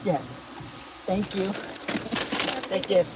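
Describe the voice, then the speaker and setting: A woman hosts her podcast in an unhurried, rambling solo chat, breaking into laughter as she tells stories. She records from the driver's seat of a car. A faint hum of road and engine noise sits under her voice. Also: mid-range voice. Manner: laughs often, rambling and animated storytelling. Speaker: podcast host. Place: in a car while driving. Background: faint road and vehicle noise.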